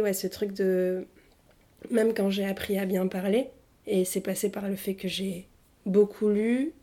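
A woman's voice: medium pitch, dark tone. A young woman from Tunisia, a native Arabic speaker, talking casually and hesitantly about her life, with slang and many fillers. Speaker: interviewee. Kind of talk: casual personal testimony.

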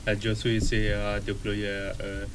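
A man's voice: on the low side, monotone, moderate pace, noisy background. A hesitant teenage boy from Bangladesh, introducing himself with many fillers. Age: teens.

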